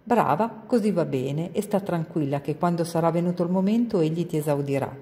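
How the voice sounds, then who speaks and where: A woman's voice: on the low side, a little fast, mellow, in a large hall, natural voice. A woman reading aloud and voicing a kind older woman who comforts a child in a soothing, patient way. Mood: encouraging.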